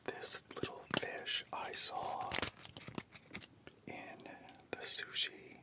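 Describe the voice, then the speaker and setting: A person whispering throughout in an ASMR style, unhurried and musing hesitantly as a food-tasting host. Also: bright, forceful tone.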